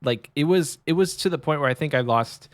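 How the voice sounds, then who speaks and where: A man's voice: on the high side, a little fast, dry recording. A man co-hosting a podcast, telling a casual story with hesitant ums and restarts. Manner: lively, hesitant, many ums. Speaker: podcast co-host.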